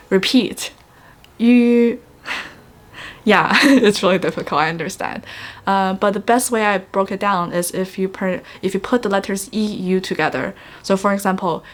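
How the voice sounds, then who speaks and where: Giggly woman teaching pronunciation. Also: medium pitch. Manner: giggly, chatty, many fillers; stretches demo sounds, asks viewers to repeat. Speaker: YouTube language tutor. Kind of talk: casual pronunciation lesson.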